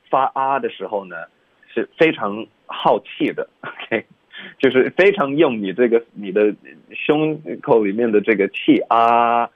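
A low-voiced man explains English sounds step by step, switching often between English and Chinese. His voice is dry and thin, like a phone line on radio. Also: no room sound. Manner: explains slowly, mixes English and Chinese, stammers at times. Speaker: English pronunciation teacher. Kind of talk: bilingual radio lesson. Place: radio studio.

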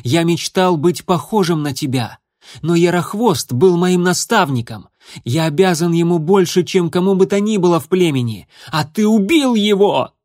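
A man's voice: high voice, expressive, moderate pace, a little mellow, no room sound, studio quality, voice pushed up. A man playing a proud young warrior tomcat. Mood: bitter. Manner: clear, emphatic. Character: young male warrior cat, proud and bitter.

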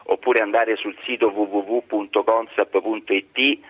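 A man speaking as a guest expert over a landline phone, explaining rules in a measured, formal way. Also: on the low side, steady tone. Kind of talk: explaining rules on a radio call-in. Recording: dull lo-fi phone line.

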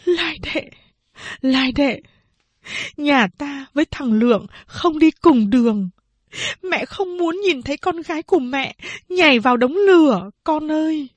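A stern, anguished mother, her voice rising high and husky as she pleads and scolds, as a woman narrator acts her out. She is a storybook figure, fierce and desperate. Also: moderate pace, no echo, natural voice. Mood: pleading.

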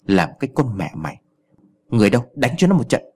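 A man voicing an arrogant, bullying old village chief who sneers, insults and threatens, in a husky voice with wide swings of pitch. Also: big pitch swings, quick pace, darkish tone. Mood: furious.

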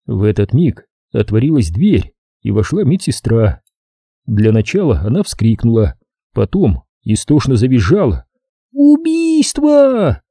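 A male audiobook narrator telling the story in measured first person. His voice is very dark and husky, with animated pitch movement. The recording is close and completely dry. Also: no room sound. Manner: measured storytelling, lively intonation. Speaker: audiobook reader. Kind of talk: scripted narration.

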